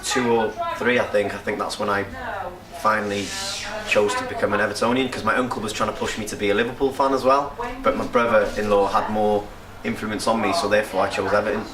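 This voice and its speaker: A young man from North Wales with the accent to match talks through his answers in an easy, rambling way, laughing now and then. His voice sits a little low and sounds distant in an echoey room. A crowd murmurs behind him. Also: steady tone, fast. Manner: chatty, rambling, laughs often. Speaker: upcoming rapper. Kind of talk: casual interview answers.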